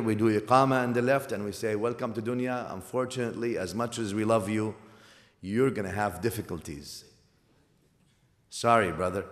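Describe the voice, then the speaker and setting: Male preacher, animated sermon delivery, recorded with long hall reverb. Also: mid-range voice. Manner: animated, swinging from loud to soft, tag questions.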